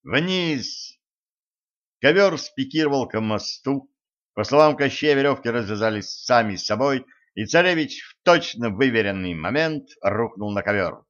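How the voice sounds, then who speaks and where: Man, storybook narration, brisk, lively, medium pitch, dull lo-fi recording. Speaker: audiobook narrator.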